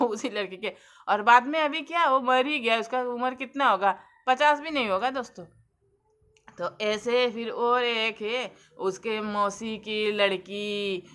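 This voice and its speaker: A young adult woman speaks to her viewers in a casual, earnest monologue, giving homely advice about family life. Her voice sits a little high, and she talks with a preachy warmth. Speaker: vlogger.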